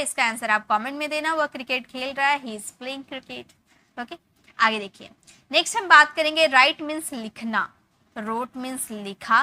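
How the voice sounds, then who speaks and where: A woman with a high, bright voice teaches English grammar, explaining each point step by step. She reads her example sentences slowly and deliberately and keeps checking in with the listener. The recording is close and dry, with no room sound. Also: no room sound. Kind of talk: Hindi-language English grammar lesson.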